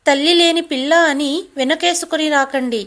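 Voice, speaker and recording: A woman voicing an angry, bossy young wife who scolds and shouts in a storybook drama. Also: sits high, steady tone, normal speed, pitched above the performer's own voice. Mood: angry scolding.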